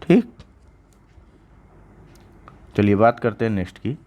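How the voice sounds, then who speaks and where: A man with a fairly low voice teaches an online exam-prep lesson. He talks in a casual, chatty way, repeats each answer and often stops to check that his students are following. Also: animated, takes it slowly, darkish tone, dull audio. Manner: conversational, repeats key answers, checks understanding with "ठीक".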